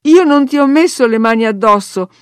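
A woman's voice: a little high, lively intonation, moderate pace, a little mellow, dry recording, studio quality, lightly acted. A woman voicing a headstrong, hot-tempered young girl who speaks earnestly and indignantly, in a read-aloud story.

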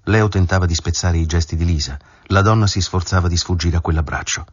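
Very deep, husky male audiobook narrator. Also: no room sound. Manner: measured, dramatic storytelling. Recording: dull lo-fi dry recording.

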